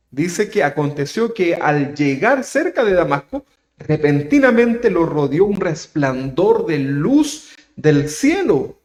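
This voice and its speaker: A pastor preaches in a conversational way, often tagging his points with a questioning "right?" to the listener. His voice sits fairly high for a man and swings widely in pitch. He lifts dramatically when reading scripture lines aloud. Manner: conversational preaching, tags many phrases with a questioning "¿verdad?". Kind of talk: sermon teaching.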